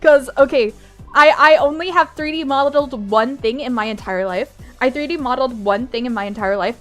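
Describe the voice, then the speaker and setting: High-pitched giggly young woman streamer. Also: brisk, faint music behind. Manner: bubbly and giggly, repeats her phrases. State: groggy morning voice, just woke up. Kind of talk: casual live-stream chat.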